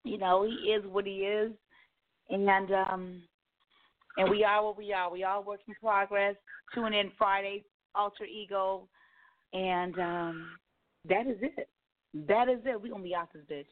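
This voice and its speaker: Woman, talk show host, candid, conversational, emphatic and repetitive, mid pitch, slightly dull audio. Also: fairly even intonation, measured pace, pauses often. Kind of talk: candid casual discussion.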